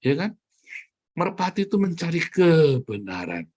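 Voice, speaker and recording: A man preaching a sermon in with a tinge, fiery and mocking, swinging between loud jabs and low asides. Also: big pitch swings, a little slow, breathy edge.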